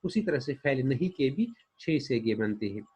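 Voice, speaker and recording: Male teacher, patient and methodical, husky voice. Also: medium pitch, animated, normal speed, a little mellow. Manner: patient, repeats each example, then translates it. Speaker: Arabic grammar teacher. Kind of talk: explaining a lesson.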